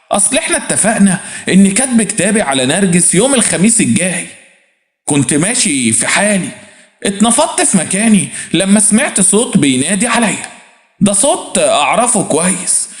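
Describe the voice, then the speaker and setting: A man with an Egyptian accent narrating a dramatic story in the first person, in an expressive, vivid colloquial way. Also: high voice. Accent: Egyptian Arabic. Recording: roomy echo.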